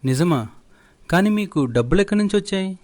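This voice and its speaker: A man's voice: high-pitched, lively intonation, a little fast, a little mellow, voice pushed up. A man voicing a poor young village wife who speaks anxiously and earnestly.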